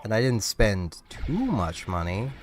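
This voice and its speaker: A man with a fairly low, very animated voice talks at an unhurried pace over faint music, casually commenting on the game he's streaming. He sounds congested, like he's coming down with a cold, and he rambles, pokes fun at himself, and laughs a lot.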